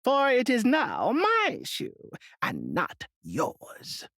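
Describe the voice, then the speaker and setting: A woman reading a storybook aloud and voicing a cunning, wicked old witch with a shrill, drawn-out voice. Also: huge pitch swings, a bit bright, no echo, studio quality, exaggerated voice. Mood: gloating.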